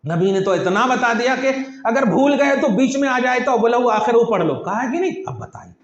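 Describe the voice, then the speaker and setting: A man's voice: very high-pitched, moderate pace. A man preaching a sermon, asking rhetorical questions and acting out bits of speech. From Hyderabad, India. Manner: animated, rhetorical questions, acts out quoted speech. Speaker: Islamic preacher. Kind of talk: Urdu sermon with personal anecdotes. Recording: echoey, dull lo-fi hall recording.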